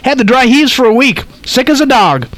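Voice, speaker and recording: Guy doing a high gossipy old lady voice, nosy, rambles on and on, swoops all over the place. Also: sing-song, fairly quick, no room sound. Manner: chattering, cackling, repeats "though".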